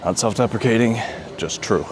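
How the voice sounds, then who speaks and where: A man with a low voice talks loosely between lifts, wandering from thought to thought in a laid-back way. The sound is rough, with steady gym noise all around him. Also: moderate pace. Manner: rambling, laid-back, says "dude" often. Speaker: vlogger. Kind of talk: casual workout vlog chat. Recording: noisy gym ambience.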